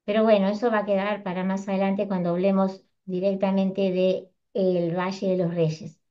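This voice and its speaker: A woman's voice: mid-range voice, flat delivery, moderate pace, warm tone, lo-fi sound. A woman giving a history lecture to a class, explaining step by step in a conversational way with frequent tag questions. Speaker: history teacher.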